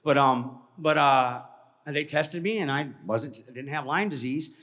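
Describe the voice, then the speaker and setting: A man from Georgia with a somewhat high voice tells a personal story to a live audience. He talks animatedly, dropping to a near hush and starting over mid-sentence. His voice rings with a long reverb, as if he were in a big hall. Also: unhurried. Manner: animated storyteller, drops to a hush, acts out voices, many restarts. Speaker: speaker at a presentation.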